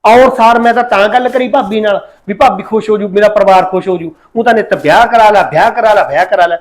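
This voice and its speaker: A man's voice: high voice, a little mellow, natural voice. A man playing a young police officer who argues insistently with his mother about his marriage. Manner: insistent, pleading, fast talk. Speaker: son and police officer in a short film. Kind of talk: amateur village family drama acting.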